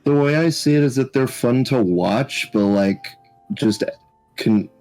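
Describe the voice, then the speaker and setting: A young man co-hosting a casual podcast chat, talking in a halting, reflective way. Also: mid-range voice, darkish tone, faint music behind, rough recording. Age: young adult. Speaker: podcast co-host.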